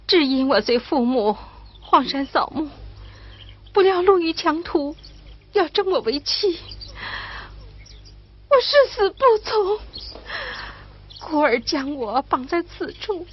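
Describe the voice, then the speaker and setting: Coy, tearful mouse demon; very high, unhurried, muffled old-TV sound. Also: female voice, expressive. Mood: plaintive. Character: sly female mouse demon posing as a helpless beauty.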